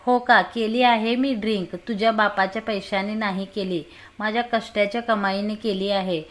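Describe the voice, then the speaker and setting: A woman's voice: medium pitch, steady tone, normal speed, lightly acted. A woman voicing a tipsy, mocking young woman in a read-aloud romance story. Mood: taunting. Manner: slurred taunting, loud.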